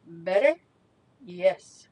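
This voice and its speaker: A woman's voice: fairly low pitch, animated, very slow, a little mellow, no echo, poor audio. A young woman talking casually and self-mockingly into a microphone in her small parked car, rambling in slangy talk. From Mexican heritage. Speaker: vlogger. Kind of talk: casual chat. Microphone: handheld USB microphone.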